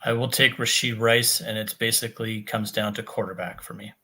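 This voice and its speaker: Flat-voiced man on a laggy call. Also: lowish voice, fairly quick. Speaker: podcast co-host on a laggy call. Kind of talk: casual live Q&A chat. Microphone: remote internet call.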